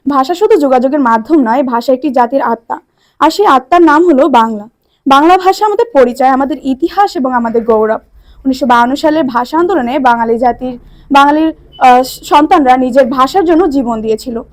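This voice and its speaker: A woman with a high voice recites a formal speech at a language day event. She declaims in a rhythmic cadence and shifts into a Barishal Bengali accent. Her delivery is measured and oratorical.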